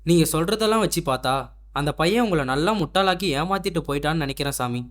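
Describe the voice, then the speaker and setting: A man putting on a plain village ferryman, fast-talking. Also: a little high, lively intonation, a bit bright, pitched above the performer's own voice. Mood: matter-of-fact. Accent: Tamil. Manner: respectful, matter-of-fact. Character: plain male village ferryman, matter-of-fact.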